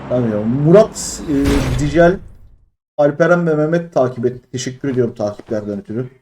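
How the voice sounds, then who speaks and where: A man in his thirties from Turkey, streaming a mobile game and complaining in exasperation as he opens crates, jumping between loud high outbursts and low mutters. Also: expressive, fairly quick, noisy background. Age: 30s. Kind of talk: live-stream crate-opening commentary.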